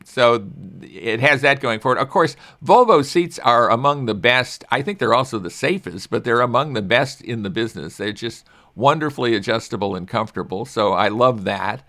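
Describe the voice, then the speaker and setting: A man's voice: medium pitch, moderate pace, sharp tone. An older man hosting a car radio show, talking casually and chattily with frequent restarts and self-deprecating asides. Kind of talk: casual car-review talk.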